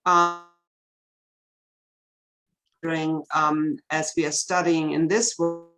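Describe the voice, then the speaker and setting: A woman's voice: low-pitched, level tone, rough recording. Woman's voice stuttering on a choppy call. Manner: earnest, halting, many fillers. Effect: choppy call audio that cuts out and stutters. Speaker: physician panelist. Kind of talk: panel discussion over video call. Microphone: video call.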